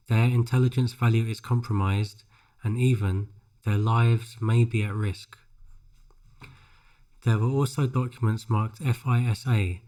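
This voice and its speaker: A man reads scripted narration for a pronunciation drill, phrase by phrase, with careful, measured enunciation. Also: mid-range voice, warm tone. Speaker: English shadowing practice narrator.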